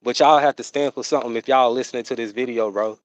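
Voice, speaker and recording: A man's voice: mid-range voice, fairly even intonation, dry recording, dull audio. A man, chatting casually on his livestream in a rambling way, full of fillers. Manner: rambling, drawn-out, full of fillers and "you know what I'm saying". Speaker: livestream host.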